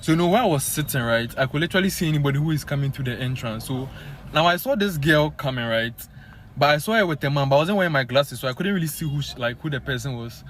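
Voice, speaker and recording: A young Ghanaian man with a Ghanaian accent, telling a story to his viewers in an animated, casual way full of fillers. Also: on the high side, fast, slight background noise. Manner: animated, many fillers, addresses viewers as guys. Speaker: vlogger.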